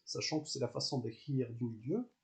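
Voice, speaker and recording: A man teaching a language lesson, explaining step by step with patience, repeating syllables slowly and pausing with hesitant fillers. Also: medium pitch, lively intonation.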